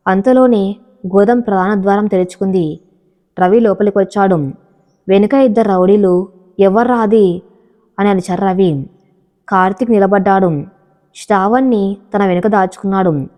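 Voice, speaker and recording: A woman narrating a dramatic love story in a steady reading voice, taking on every character's lines herself. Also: mid-range voice, moderate pace, pauses often, big-room sound.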